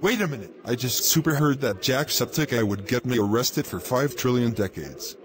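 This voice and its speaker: A bossy cartoon bully, voiced by a man, who can't stop grounding people. He rants in repetitive loops at an ordinary mid pitch, with a faint haze of noise behind him. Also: expressive, normal speed, close to an everyday voice. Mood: outraged. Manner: repetitive, chanting strings of the same word. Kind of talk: comedic grounded-video animation voice.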